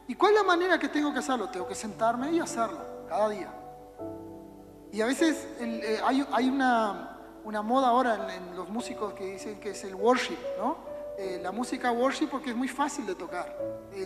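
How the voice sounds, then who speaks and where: A woman with a Uruguayan accent gives a relaxed, conversational sermon to young people, slipping into quick acted-out scenes. Her voice sits high and rings through a reverberant church hall. Music plays clearly underneath her. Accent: Uruguayan Spanish. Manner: conversational, acts out little everyday scenes. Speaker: youth preacher. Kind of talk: casual sermon. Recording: echoey hall with music behind.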